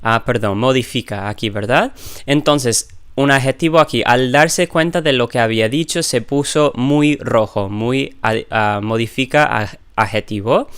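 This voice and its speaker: A man teaching a grammar lesson, explaining step by step, often pausing to correct himself. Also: mid-range voice, a bit bright, smooth. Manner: explanatory, with frequent self-corrections and fillers. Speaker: language teacher. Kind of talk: grammar lecture.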